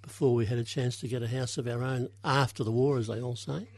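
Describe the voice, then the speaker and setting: A man's voice: mid-range voice, steady tone, fast talker, a little mellow. A man in his seventies with an Australian accent, reminiscing casually as a radio guest and rambling toward his point. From Melbourne, Australia. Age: 70s. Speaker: interview guest. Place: radio studio.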